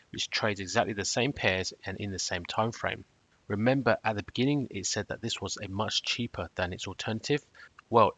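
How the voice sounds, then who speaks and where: A man narrating a scripted review in a measured, matter-of-fact, cautionary way. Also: on the low side, a bit bright, dry recording. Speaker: trading robot reviewer.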